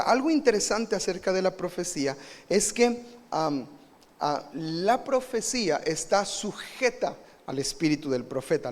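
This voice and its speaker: A high-pitched man with a Mexican Spanish accent preaches a live sermon. He is animated and rises to emphatic bursts as he puts questions to the congregation. His voice carries a long, lingering church reverb. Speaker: pastor. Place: church sanctuary.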